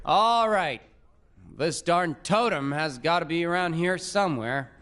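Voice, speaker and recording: A man's voice: a little high, measured pace, fairly bright tone, soft background music. A man playing a bold cowboy hero with folksy talk in a video game. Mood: determined, challenging.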